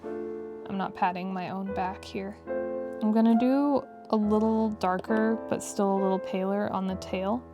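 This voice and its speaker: A woman with a creaky vocal fry, chatting casually and wryly as she narrates a digital art tutorial. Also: mid-range voice, steady tone, a little slow. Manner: chatty, wry asides with frequent "like". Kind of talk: casual rambling tutorial commentary. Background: piano music.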